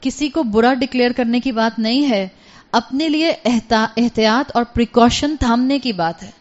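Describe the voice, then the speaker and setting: A woman's voice: a little high, darkish tone. A woman giving an earnest religious lecture, telling a story and urging her listeners, mixing English words into her speech. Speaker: religious speaker. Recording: dull lo-fi recording.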